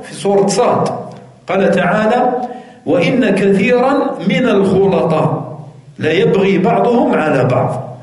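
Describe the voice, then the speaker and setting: رجل بلكنة جزائرية يشرح كتابا فقهيا لطلابه، يكرر العبارات ويطرح عليهم الأسئلة ويتردد كثيرا. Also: male voice, sits high, a little mellow. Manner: repeats key phrases, asks the class questions, many hesitations. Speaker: Islamic jurisprudence teacher. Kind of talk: lecture explaining a classical text. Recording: very echoey room.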